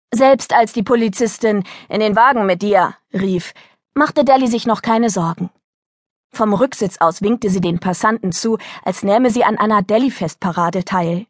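Lively woman narrating a children's audiobook. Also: mid-range voice, no room sound, studio quality. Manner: lively storytelling, voicing characters. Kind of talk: scripted narration of a children's book.

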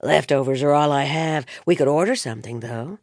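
A woman's voice: sits low, a little fast, darkish tone, no room sound, clean studio sound. A woman narrator voicing an embarrassed, exasperated young man talking about his mother. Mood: sheepish exasperated. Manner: sheepish, exasperated.

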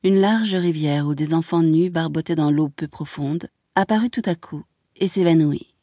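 A woman narrating a literary audiobook in a measured, expressive reading voice. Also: sits low, no room sound, studio quality.

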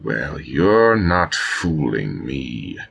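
A man's voice: very deep voice, sing-song, very slow, creaky, fairly bright tone, voice pushed down, full character voice. A man voicing a proud, hostile male harpy warrior with a rugged, hissing voice, suspicious and contemptuous. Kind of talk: audiobook character reading.

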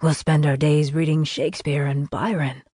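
A smooth-talking young male suitor, as a woman narrator puts him on, soft and coaxing. The voice is pushed lower than her own, recorded dry and close. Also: flat delivery, normal speed, no room sound.

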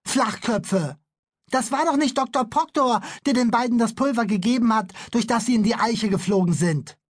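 Guy doing a high squeaky bold little boy, yelling and cheeky, storybook style. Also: very animated, moderate pace, slightly rough, dry recording, studio quality, full character voice. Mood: indignant. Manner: shouting, indignant.

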